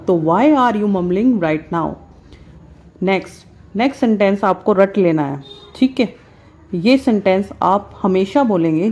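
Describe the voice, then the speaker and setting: Female English teacher, Indian accent, slow and deliberate, warm mellow tone, muffled recording. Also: medium pitch. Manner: slow, drawn-out model sentences between quicker Hindi explanations. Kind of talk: spoken English lesson in Hindi.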